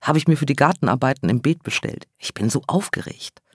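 A man's voice: mid-range voice, expressive, brisk, husky, no echo. Jittery old lady whispering away, a guy doing her voice, dry close sound. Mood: excited whisper. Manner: hushed, whispering. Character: excitable older woman, giggly and nervous.

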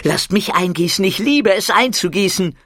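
A man voicing an excitable, clumsy young boy in an audiobook. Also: high-pitched, normal speed, dry recording, studio quality, pitched above the performer's own voice, exaggerated voice. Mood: excited. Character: clumsy, boisterous young boy, always hungry.

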